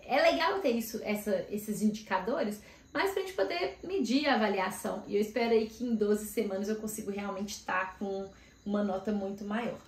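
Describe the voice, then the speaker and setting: A woman from Brazil in her thirties, a career mentor talking casually to camera and thinking aloud with lots of filler words. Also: a little high. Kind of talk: casual vlog talk to camera. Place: home room in Australia. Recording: echoey room.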